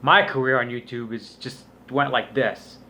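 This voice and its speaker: A man's voice: mid-range voice, steady tone, moderate pace, bright, forceful tone, a little hiss or hum. A man giving a casual, rambling commentary rant as a vlogger, in a crude, scornful, swearing manner. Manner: crude, profanity-laden, scornful. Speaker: YouTube vlogger.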